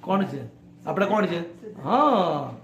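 A man's voice: high-pitched, very animated, slow, vocal fry, fairly bright tone, muffled recording. A man, a spiritual teacher, giving a discourse to a small gathering in a private home and often putting short questions to his listeners. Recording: echoey room.

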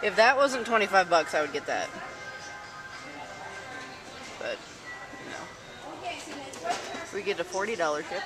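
A woman's voice: mid-range voice, big pitch swings, measured pace, over music. A young woman chatting casually and teasingly while filming a vlog, often giggling. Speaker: vlogger. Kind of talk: casual chat. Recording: noisy handheld camera audio.

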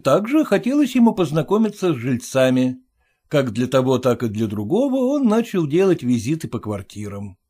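Expressive male audiobook narrator. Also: mid-range voice, moderate pace, breathy edge. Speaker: audiobook reader. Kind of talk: humorous story narration.

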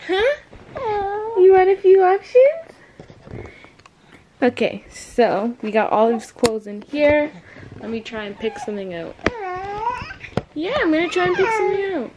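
A young woman chatting casually in a home vlog while caring for her baby son, slipping into high baby talk with him. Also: expressive, moderate pace, a little mellow, highs cut off, a little hiss or hum. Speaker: vlogger, first-time mother. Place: at home, in pajamas.

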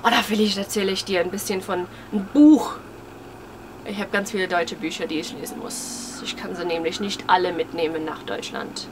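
Sitting on a tree-lined porch, a twenty-year-old vlogger from Germany who now lives in New York talks to her camera at a brisk pace in a medium-pitched voice. Her chat is rambling, self-deprecating, and hesitant as she searches for words, with outdoor ambience and passing cars clearly audible.

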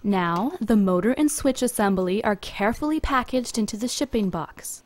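Recorded apart from the workshop pictured, this corporate voice-over has a woman reading instructions from a script, calm and methodical, one step at a time. She has a medium-pitched voice, and there's no room sound.

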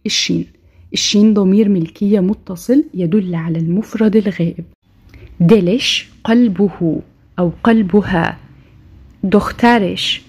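A woman with an Egyptian Arabic accent giving a recorded language lesson, saying each word twice, slowly, for practice. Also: mid-range voice, darkish tone, breathy edge. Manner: slow, repeats each word twice for drill. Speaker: language teacher.

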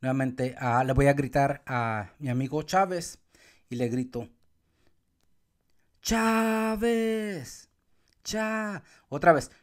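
A man teaching Spanish accent rules step by step, sometimes calling out words loudly to show where the stress falls. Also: a little high. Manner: calls out words loudly to show the stressed syllable, counts syllables slowly. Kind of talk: explaining accent marks step by step.

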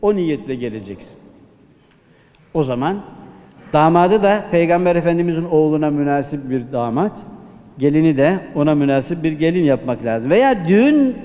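A man with a high-pitched, warm voice preaches a Friday sermon at a pulpit microphone, urging the congregation on with rhetorical questions. A long hall reverb fills the recording.

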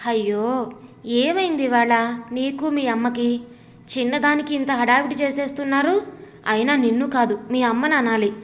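A woman's voice: sits high, normal speed, natural voice. A woman reading a teasing young husband. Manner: playful, teasing. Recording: long hall reverb.

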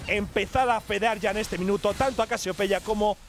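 A man with a Spanish accent doing lively play-by-play commentary on a live esports broadcast, shouting and laughing often. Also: high-pitched, brisk, a little hiss or hum. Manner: excitable, shouts during plays, laughs often.

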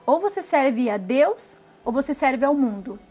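Brazilian woman, young adult, high voice, earnest emotional testimony, interview setting. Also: very animated, measured pace, a little mellow, breathy edge. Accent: Brazilian Portuguese. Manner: earnest and emotional, tag questions. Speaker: former samba dancer giving testimony.

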